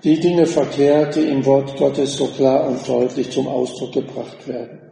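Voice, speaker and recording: A man delivers a sermon slowly and deliberately, his voice dark and gravelly. He sounds far from the microphone, with long reverb from a large room. Faint room ambience sits underneath. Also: medium pitch, fairly even intonation, faint music behind. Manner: slow, measured preaching with deliberate pauses. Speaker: preacher. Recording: echoey hall, voice from a distance.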